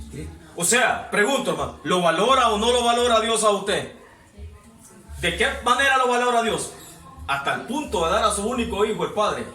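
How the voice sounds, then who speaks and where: A man preaching a sermon to his congregation, exhorting and asking them questions, his voice rising to shouts. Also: high voice. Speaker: pastor. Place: church hall. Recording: echoey hall, mic far off.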